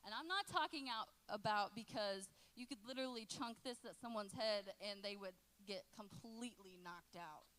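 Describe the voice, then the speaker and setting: A woman's voice: mid-range voice, normal speed, few pauses, a little hiss or hum, low-quality recording. A woman in her late twenties giving a casual, joking talk to a youth group as its youth pastor. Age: 20s. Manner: lively and joking, chatting with teens in the room.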